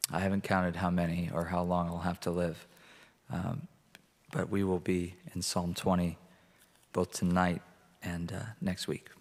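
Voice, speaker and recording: A man preaching as a pastor and reading scripture aloud, earnest and deliberate, with pauses between phrases. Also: low-pitched, monotone. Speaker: pastor leading a church prayer meeting. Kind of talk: sermon with Bible reading. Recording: reverberant hall, long echo.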